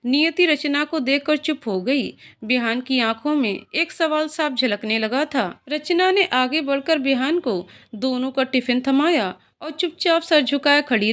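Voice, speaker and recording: High-voiced woman storyteller. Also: animated, a little slow, few pauses, a bit bright. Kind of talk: scripted story narration.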